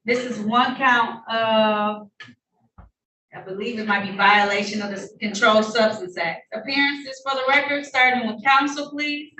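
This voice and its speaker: A woman judge running formal hearings, brisk and polite, heard in a courtroom recording. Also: fairly high pitch, level tone, pushed and bright. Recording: echoey room heard from a distance, faint noise.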